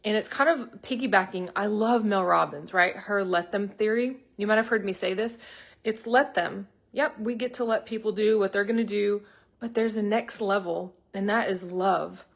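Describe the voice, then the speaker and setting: Middle-aged woman, live video talk, earnest, heartfelt, mid pitch. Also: normal speed, gravelly. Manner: heartfelt, earnest, gets choked up. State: emotional, choked up. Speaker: coach promoting a webinar.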